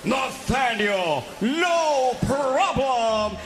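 High-pitched, theatrical male boxing ring announcer, echoing. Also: lively intonation. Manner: theatrical, drawn-out booming introductions of names. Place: boxing ring in an event venue. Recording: echoing arena PA with loud background noise.

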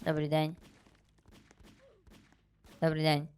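A man giving excitable, chatty commentary while he plays a video game and thinks aloud. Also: fairly high pitch, takes it slowly, clean tone. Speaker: gaming streamer. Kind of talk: casual gameplay commentary.

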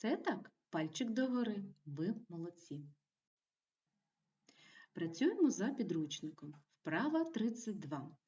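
A woman teaching a primary school video lesson, giving clear and encouraging instructions to young children. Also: medium pitch, very animated, unhurried, dark tone, recorded from a distance. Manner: clear, encouraging classroom delivery.

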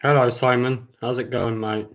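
A young man, chatting casually on a livestream, repeating himself with halting restarts. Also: mid-range voice, little pitch movement, rough recording. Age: 20s.

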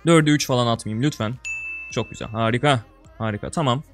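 Brisk and slangy, a young man narrates his gameplay for viewers as a video creator, addressing them like a friend. His volume lurches from loud outbursts to low mutters while soft music plays in the background.

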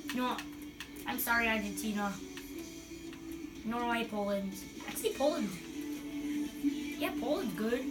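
A woman playing a soccer video game, excitable, chanting sing-song noises and whining playfully at the game. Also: on the high side, measured pace, pauses often. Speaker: gamer. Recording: loud game music behind.

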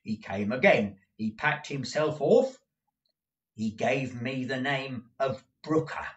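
A man's voice: medium pitch, animated, slow, lo-fi sound. Man doing a blunt, stammering old clerk. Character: gruff put-upon male clerk, blunt and stubborn.

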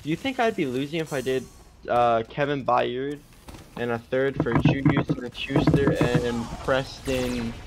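A man's voice: medium pitch, unhurried, loud music behind the voice. A man in a casual group voice chat, hesitantly asking for advice. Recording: noisy computer mic with clicks.

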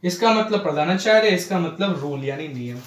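Guy teacher explaining grammar to kids, kinda high voice, keeps checking they follow, echoey room. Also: animated, a little hiss or hum. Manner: addresses children, frequent "ठीक है ना" checks, slow spelled-out English examples. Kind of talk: classroom grammar lesson in Hindi-English mix.

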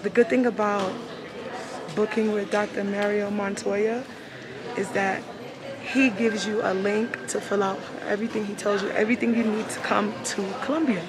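A woman's voice: mid-range voice, steady tone, moderate pace, crowd noise. A woman travel vlogger talking casually through a face mask, chatting straight to her viewers in an airport. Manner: chatty, addresses viewers directly. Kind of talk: casual vlog talk to camera. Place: airport terminal, indoors.

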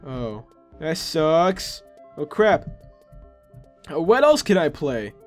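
A man's voice: fairly high pitch, sing-song, slow, faint music behind. A man giving casual gameplay commentary as a video host, exclaiming and talking to himself with playful sarcasm.

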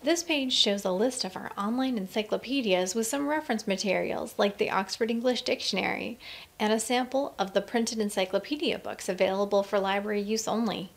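A woman narrating a scripted screencast tour of a college library website, reading in a clear, friendly instructional way. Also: medium pitch, fairly quick.

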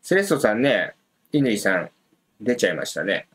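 A man's voice: fairly low pitch, big pitch swings, moderate pace, breathy edge. A man hosting a casual live stream, thinking aloud with many fillers and reading out viewer comments. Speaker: livestream host previewing a soccer match.

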